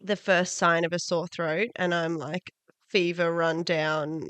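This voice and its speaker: A woman's voice: lowish voice, fairly even intonation, measured pace, fairly bright tone, clear, resonant tone, dry recording. Stuffy-nosed woman co-hosting a chatty podcast. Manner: dramatic, giggly. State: nasal from a cold. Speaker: podcast co-host. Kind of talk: casual chat. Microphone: studio podcast mic.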